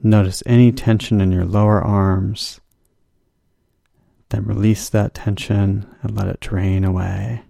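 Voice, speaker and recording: Male relaxation guide; deep-toned, mellow, unhurried soothing delivery. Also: flat delivery, vocal fry, no echo, clean studio sound. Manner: slow, soothing, drawn-out instructions. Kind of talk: guided progressive muscle relaxation.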